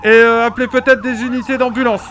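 A man's voice: very high voice, flat delivery, fast, bright, forceful tone, slight background noise. A man voicing an urgent fire dispatcher and firefighter in police-radio style, with repeated clipped acknowledgements. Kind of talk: role-played emergency radio traffic.

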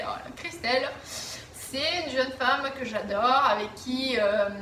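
A woman's voice: on the high side, noisy background. A woman in her thirties chatting to camera from her living room, with many fillers and restarts as she answers viewer questions. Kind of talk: casual chat to camera. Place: living room at home, indoors. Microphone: camera at a distance. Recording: roomy echo, voice a bit far from the mic.

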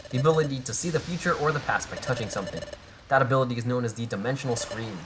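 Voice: medium pitch, noisy background, close to an everyday voice. A player voicing a formal ghost guardian. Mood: earnest. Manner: measured, polite and formal.

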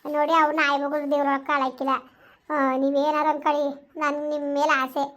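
A woman's voice: high-pitched, monotone, brisk, a bit bright. A woman playing a young village daughter-in-law in an amateur family skit, talking in a soothing, earnest, reassuring way.

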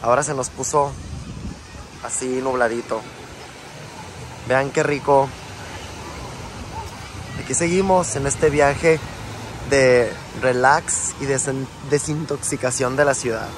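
A young travel vlogger with a mid-range voice films himself at a beach resort, speaking slowly with long pauses. He narrates casually, chatty and relaxed, treating his viewers like friends. His phone camera sits at arm's length, picking up wind and sea noise outdoors.

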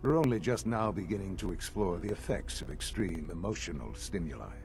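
A composed older man who runs an underground science institute speaks in a calm, persuasive video game voice. His voice sits low, and game music plays behind him. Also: brisk, gravelly. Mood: detached.

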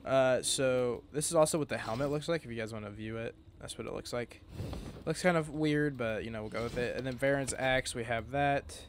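A sleepy, yawning man talks through his gameplay in a loose, rambling way, full of restarts and self-corrections. His voice sits at an ordinary male pitch. A faint hiss lies under it. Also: fairly quick. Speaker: gaming commentator. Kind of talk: casual gameplay commentary.

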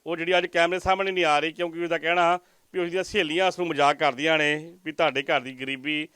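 A man's voice: a little high, steady tone, quick pace, sharp tone, clear, resonant tone, no echo. A man with a Majhi Punjabi accent reporting from a village, interviewing a poor family and earnestly pleading with viewers. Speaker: news reporter. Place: village outdoors.

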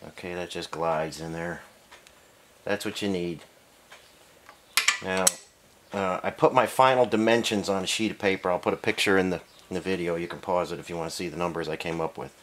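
A man's voice: low voice, steady tone, a little fast, background noise. A man casually explaining engine work in a home garage, matter-of-fact with many fillers, heard from an off-screen camera mic. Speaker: engine builder. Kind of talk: casual workshop demonstration.

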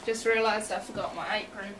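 A young woman in her twenties hosts a casual home cooking vlog, filmed up close in a small kitchen at night. She's chatty and playful, tossing in self-mocking asides, with a medium-pitched voice, steady tone and brisk pace. The noisy home recording is full of loud clatter from pots, cutlery and dishes.

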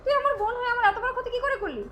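A woman's voice: very high voice, sing-song, racing, fairly bright tone, heavily acted. A woman playing a wronged older sister and wife in a short-film drama who questions and confronts others indignantly. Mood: reproachful. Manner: indignant and demanding.

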